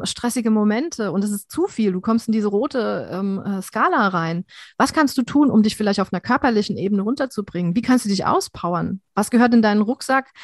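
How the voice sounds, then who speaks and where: A woman's voice: mid-range voice, no room sound, studio quality. A woman who works as an anti-stress coach, a guest on a podcast, explaining advice in an earnest, reflective way with many fillers.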